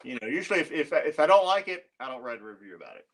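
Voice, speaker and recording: A man's voice: a little high, lively intonation, racing. A man guesting on a podcast as a musician and reviewer, talking in an easygoing way with frequent laughs. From Florida, USA. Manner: easygoing, laughs often, short agreeing replies. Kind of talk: casual podcast chat.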